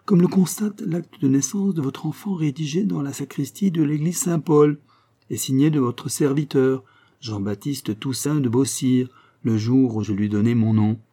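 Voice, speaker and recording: A man's voice: mid-range voice, moderate pace, warm tone, breathy edge, pitched above the performer's own voice. Man playing a pompous penniless gambler. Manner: pompous, sententious.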